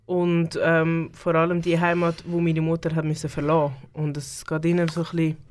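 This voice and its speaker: A woman speaks with a Swiss German accent as a studio guest on a radio talk show. She hesitates often, filling pauses and restarting her sentences. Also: low voice, monotone, a little mellow, slight background noise. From Switzerland. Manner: hesitant, many fillers and restarts. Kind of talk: radio interview.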